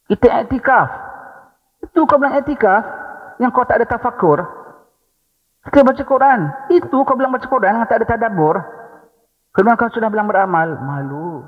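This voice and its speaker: Malaysian preacher in an echoing hall. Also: male voice, very high voice, animated, a little fast, pauses often. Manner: rhetorical "ha?" prompts, humorous asides. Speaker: religious teacher. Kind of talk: religious lecture. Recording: dull recording in a long-echoing hall.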